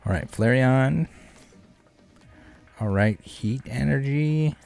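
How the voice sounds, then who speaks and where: A man hosts a live stream of a card game, chatting loosely with viewers in a rambling, joking, easygoing manner. His medium-pitched voice moves slowly and sounds creaky, clear, and resonant, with a slightly mellow quality. Music plays in the background behind him.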